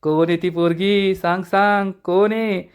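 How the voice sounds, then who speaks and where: A man reading the lines of a jovial, eager older uncle who calls out loudly. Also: high voice, steady tone, measured pace, clean tone.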